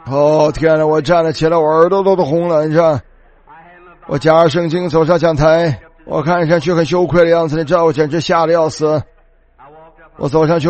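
A male preacher, his voice a little high, tells a story during a sermon. He is animated and repetitive, acting out the dialogue as he retells it.

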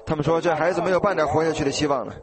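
A man's voice: fairly high pitch, steady tone, very fast. A man preaching a sermon in an earnest, exhorting way, telling a story and acting out the dialogue. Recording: loud crowd behind the voice.

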